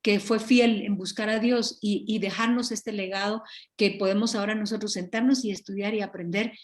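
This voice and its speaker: A woman teaching a Bible study over a video call, earnest and animated, often correcting herself mid-sentence. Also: medium pitch, moderate pace. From Guatemala.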